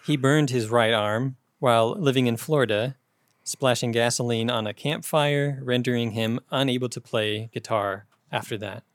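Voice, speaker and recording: A man with a mid-range voice hosts a trivia segment, laying out questions and facts in a measured, explanatory way. The delivery is relaxed and conversational. The recording is dry and close. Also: mid-range voice, no echo. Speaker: quiz host. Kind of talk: casual chat, reading quiz questions.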